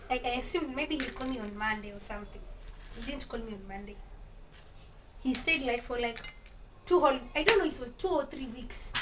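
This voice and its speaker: A young woman chatting in a casual storytelling vlog, mixing Swahili words into her English and laughing often. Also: a little high. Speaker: vlogger. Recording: distant mic with clear kitchen noise. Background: dishes and cutlery clinking.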